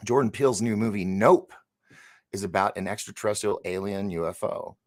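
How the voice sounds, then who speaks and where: Hosting his live stream show, a San Francisco man in his fifties talks a little fast in a voice on the low side. Casual and rambling, he reads out viewer comments, tripping over his words now and then. He's on the mend from an injury.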